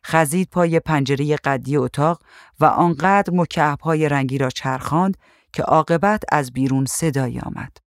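A man reading a short story aloud in a calm, even narrating voice. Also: a little high, dry recording, clean studio sound.

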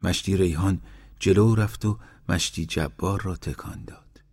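A man reading a folk tale aloud in a measured, even narration. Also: low-pitched, slightly rough. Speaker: storyteller.

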